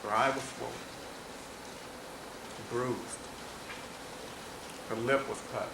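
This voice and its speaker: A man delivering a courtroom opening statement to a jury, speaking in a measured, deliberate way and repeating key phrases for emphasis. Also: mid-range voice, fairly even intonation, gravelly. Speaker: trial prosecutor. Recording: noisy archival courtroom audio.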